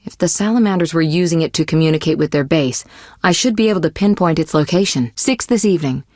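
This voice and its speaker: Serious and instructive, the poised young sorceress of this scripted video game performance speaks in measured, articulate phrases that gently chide. Her voice sits on the low side, recorded dry and close with no echo, and carries a worldly, caring warmth with a teasing, possessive edge.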